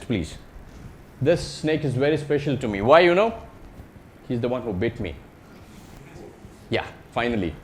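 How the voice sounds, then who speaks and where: A man with an Indian accent speaks to a live talk with some faint noise behind him. His pitch sits in the middle of the male range. He tells stories in short, conversational phrases, joking and tagging them with questions, like a researcher walking through slides. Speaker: wildlife researcher giving a talk. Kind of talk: public talk with slides, anecdotal storytelling.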